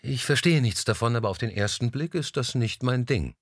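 A man's voice: medium pitch, lively intonation, fairly quick, slightly rough, no echo, studio quality. A man reading an audiobook, voicing a blunt, stubborn young woman who speaks curtly and insistently with a raised voice. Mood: indignant. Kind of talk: audiobook dialogue.

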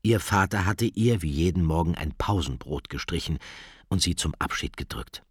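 A man narrating a children's storybook in a lively, expressive reading style. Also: low-pitched, normal speed, husky, dry recording, clean studio sound. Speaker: audiobook narrator.

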